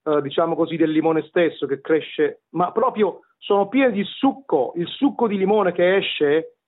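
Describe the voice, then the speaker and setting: A man's voice: a little high, normal speed. A middle-aged man with a Neapolitan accent telling his story as a radio interview guest, hesitant and wordy, often repeating words. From Naples, Italy. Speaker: interview guest, tenor and vocal coach. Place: remote call to a radio show. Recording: tinny phone-line radio call.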